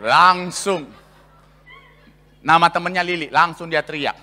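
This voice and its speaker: A male pastor delivers a sermon in a big church hall, lively and playful as he calls out to the congregation. His voice is high and bright. A long reverb hangs in the room after each line. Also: measured pace, soft background music.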